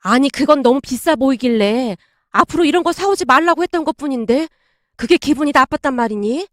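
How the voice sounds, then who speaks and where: A woman's voice: high-pitched, animated, a little fast, a bit bright, dry recording, clean studio sound. A woman voicing an elderly widowed grandmother who speaks with indignant, old-fashioned phrasing. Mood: defensive.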